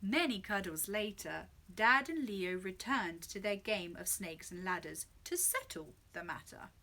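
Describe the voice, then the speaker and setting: Expressive woman reading a children's story. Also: medium pitch, measured pace. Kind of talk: children's story read aloud.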